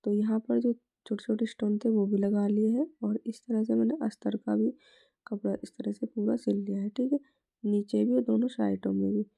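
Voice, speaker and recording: A woman with a hoarse, sore throat, teaching a step-by-step sewing tutorial and repeating her stock phrases as she works. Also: mid-range voice, little pitch movement, normal speed, mellow. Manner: repeats "is tarah se" and "theek hai" constantly; drops to a whisper at times.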